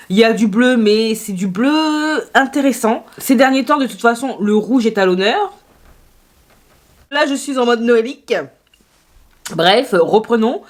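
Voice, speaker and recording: A woman chatting through a makeup haul video, playful and self-mocking, talking straight to her viewers. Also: fairly high pitch. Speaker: beauty YouTuber.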